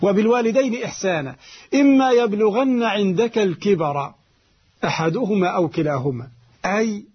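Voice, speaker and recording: A man preaching a sermon, exhorting his listeners with slow, emphatic repetition. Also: high-pitched, slightly rough, muffled recording.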